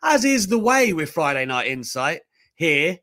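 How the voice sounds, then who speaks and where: A man hosting a casual wrestling podcast chat, teasing his guest in a lively way. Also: fairly high pitch, measured pace, dry recording, studio quality. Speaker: podcast host.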